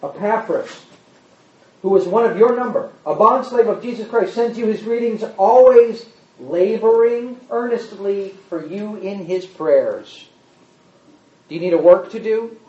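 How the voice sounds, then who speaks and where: Animated man teaching a Bible class. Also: high voice, a little slow. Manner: animated, acts out quotes, asks the room questions. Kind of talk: conversational Bible teaching to a group. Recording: roomy, dull lo-fi room recording.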